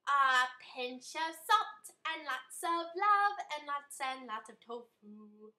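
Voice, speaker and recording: A woman's voice: high-pitched, slow, pushed and bright, reverberant, voice pushed up, heavily acted. A woman voicing a Southern mother who speaks in a childish sing-song.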